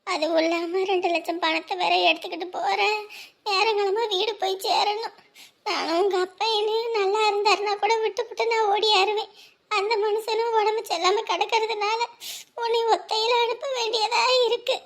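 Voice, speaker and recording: A woman acts out a fretful middle-aged village mother in a family drama, speaking. Her voice sits very high and grates with a gravelly rasp, and she pleads and scolds her married daughter in a sighing lament. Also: steady tone, moderate pace, a bit bright. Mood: anxious.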